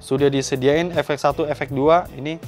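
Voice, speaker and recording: A man's voice: on the high side, steady tone, moderate pace, soft background music. A man giving an enthusiastic, explanatory product review as a shop owner, talking to viewers.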